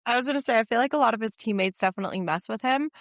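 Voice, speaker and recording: A woman's voice: on the high side, racing, no echo, clean studio sound. A woman co-hosting a podcast, chatting casually and enthusiastically about sports. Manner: enthusiastic, reacts with short remarks. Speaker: podcast co-host.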